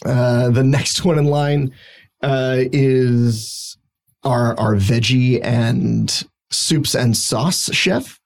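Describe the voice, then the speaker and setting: A man narrating as game master in a halting way, with many fillers. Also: medium pitch, creaky. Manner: halting, filler-heavy description.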